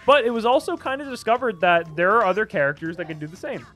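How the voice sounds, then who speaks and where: A young man doing casual play-by-play commentary on a video game match, chatty and quick to get excited by big plays. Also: high-pitched, soft background music.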